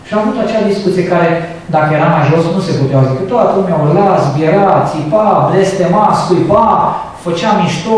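A man's voice: fairly high pitch, darkish tone, slight background noise. A man preaching a sermon in a church, talking conversationally and asking the congregation rhetorical questions. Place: church sanctuary. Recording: echoey church from a distance.

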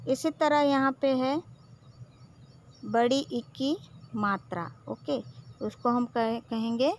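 A woman's voice: a little high, slow, a little hiss or hum. A woman teacher with a Gujarati accent who patiently drills syllables one by one, saying "okay" often. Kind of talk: slow classroom lesson.

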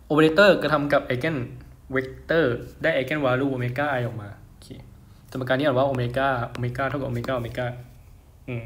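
A young man teaching physics at a relaxed pace, talking casually and pausing to check that the listener keeps up. His voice sits at an ordinary middle pitch. The recording has a noticeable roomy echo around it. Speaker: physics tutor. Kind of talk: casual lecture over a whiteboard.

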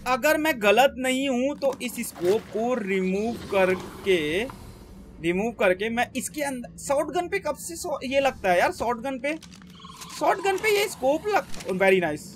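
A young man from India talks through a survival game in loose, excitable commentary, and his voice sits unusually high. He keeps talking to himself and his in-game creature, firing off quick exclamations, while a faint hiss of noise runs underneath. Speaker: gaming YouTuber. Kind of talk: casual gameplay commentary.

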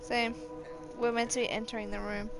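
A woman's voice: a little high, flat delivery, brisk, noisy background. Sweary Australian woman streaming a game. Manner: sweary, loud reactions. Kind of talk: casual gaming chat. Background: game music.

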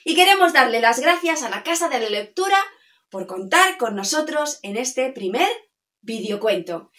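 Animated woman storyteller singing. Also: high-pitched, moderate pace. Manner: animated, sings and coaxes listeners to join in. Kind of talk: children's storytelling with songs. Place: home.

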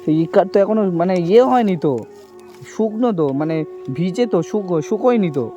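A man who talks to a young woman in a gentle, reassuring way and keeps asking "okay?". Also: high-pitched, fairly quick. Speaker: charity video host. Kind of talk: staged outdoor conversation. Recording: dull lo-fi sound with music behind. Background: background music.

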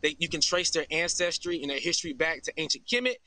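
Speaking fast from outdoors under an open farm shelter, an American man in his 30s who founded the farm gives an earnest, informal explanation during a live video-call interview. He sounds high, expressive, bright and forceful, and the recording is dry.

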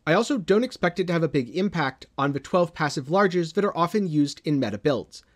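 Lively-voiced man narrating game news. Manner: measured, dramatic drops in pitch at phrase ends. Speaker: gaming video host. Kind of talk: scripted game news commentary.

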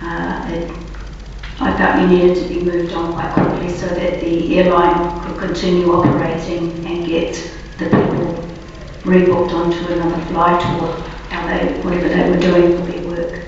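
A woman police officer giving formal, deliberate and halting testimony as a witness under cross-examination. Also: fairly low pitch, completely flat delivery. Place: large reverberant courtroom, far from microphone. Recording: very echoey distant courtroom recording, muffled, faint noise.

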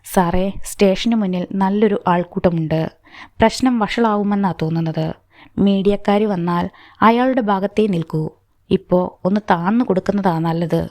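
A woman voicing a cautious junior police officer advising his superior, in a warm, dry reading. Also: medium pitch, moderate pace, dry recording, natural voice.

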